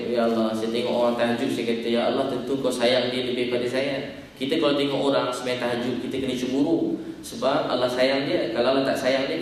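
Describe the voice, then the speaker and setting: A man's voice: on the high side, slight background noise. A male preacher giving an earnest, emotional sermon full of stories and rhetorical questions. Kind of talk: religious sermon. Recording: echoey hall, distant mic, faint ambience.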